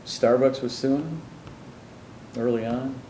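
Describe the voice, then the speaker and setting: A man's voice: medium pitch, takes it slowly, mellow, roomy sound, a little hiss or hum, low-quality recording. A man telling his life story in an interview, rambling through asides and acting out the people he quotes. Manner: meandering, many restarts and asides, acts out quoted people.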